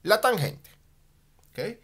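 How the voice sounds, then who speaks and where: A man teaching a math lesson at a board, animated, often checking in with a quick "ok?" and slowing down on key terms as he writes. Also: high-pitched, slightly rough. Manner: slows down and stretches key terms while writing.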